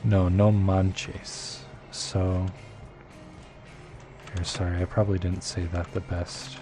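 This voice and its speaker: A man's voice: low-pitched, level tone, unhurried, darkish tone, soft background music. A man live-streaming a game, chatting casually with viewers and rambling as he thinks aloud, with lots of fillers. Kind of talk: casual chat with viewers while playing.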